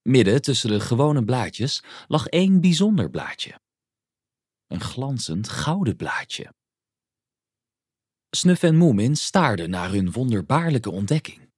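Male storybook narrator, lively melody, unhurried, close dry read. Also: mid-range voice, breathy edge, dry recording. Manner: expressive, storytelling. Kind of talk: scripted narration of a children's story.

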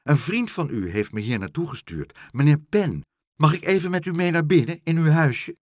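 A man's voice: fairly high pitch, sing-song, moderate pace, no echo, studio quality, pitched above the performer's own voice. A man reading a storybook, voicing an earnest, brave little boy. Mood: calling.

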